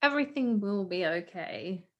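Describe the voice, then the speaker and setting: A woman's voice: medium pitch, expressive, moderate pace, dull audio. A woman co-hosting a podcast, speaking earnestly and supportively, giving advice. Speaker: podcast co-host. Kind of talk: casual chat.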